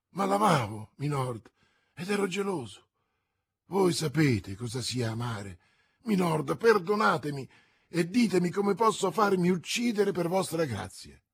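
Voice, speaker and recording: A man with a husky voice voicing a young, hot-headed, jealous swordsman in an impassioned, pleading manner. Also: on the high side, big pitch swings, unhurried, voice pushed up, full character voice.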